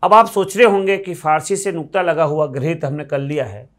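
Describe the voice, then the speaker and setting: Standing at a board, a grammar teacher from India explains things patiently, says words again slowly and asks his students for a yes or no. He speaks with a fairly high pitch and a fairly bright tone.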